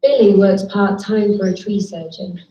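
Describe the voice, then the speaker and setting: A woman giving calm, measured scripted narration for a documentary. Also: mid-range voice, echoey room, low-quality recording.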